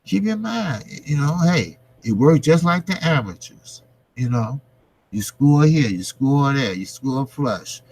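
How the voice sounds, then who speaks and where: Man, slow unhurried pace, mid-range pitch, casual boxing commentary, slangy wording, repetitive emphatic phrasing. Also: animated, a little mellow, no room sound, poor audio. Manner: informal, slangy, occasional swearing. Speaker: boxing vlogger, host. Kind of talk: casual boxing commentary to live chat viewers.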